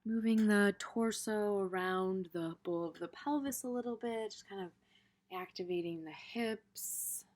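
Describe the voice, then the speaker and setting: A woman leads a gentle guided meditation in an informal, tentative manner, often pausing mid-phrase. Her voice is medium in pitch.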